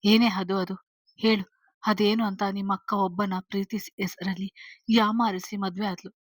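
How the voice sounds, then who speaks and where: A woman's voice: mid-range voice, little pitch movement, moderate pace, no echo, distant mic, lightly acted. A woman voicing a spiteful rich aunt who taunts the family in a sarcastic, sneering way. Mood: taunting.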